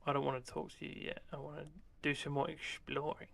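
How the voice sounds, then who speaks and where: A man's voice: fairly high pitch, completely flat delivery, fast talker, gravelly, fairly bright tone. A sardonic, sweary man giving casual live commentary on a game. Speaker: live streamer. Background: game music.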